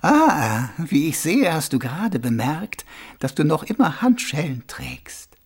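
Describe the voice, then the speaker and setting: A mysterious, knowing stranger, as a male narrator puts him on, soft and ironic, his husky, gravelly voice dropping low. The pitch moves freely. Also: big pitch swings, a little slow, full character voice. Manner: soft, ironic, partly whispered.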